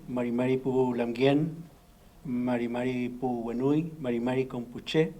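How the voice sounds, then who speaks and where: A man moderating a panel discussion, speaking haltingly with many filler sounds. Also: mid-range voice, mellow.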